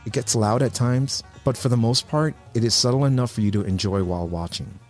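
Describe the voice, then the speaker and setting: A man narrating a scripted video essay in a measured, informative way. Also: medium pitch, darkish tone. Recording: voice-over with music underneath.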